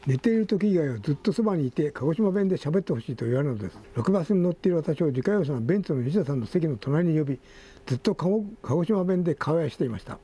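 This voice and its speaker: A man's voice: fairly high pitch, lively intonation, racing, mellow, breathy edge. An older man hosting a casual talk show, reading magazine articles aloud with asides and self-corrections. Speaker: magazine editor and host.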